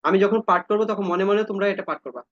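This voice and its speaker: Guy with a high voice teaching an online class, chants verses real slow then explains, dull dry sound. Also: fairly bright tone, dry recording. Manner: addresses students directly, asks them to follow along.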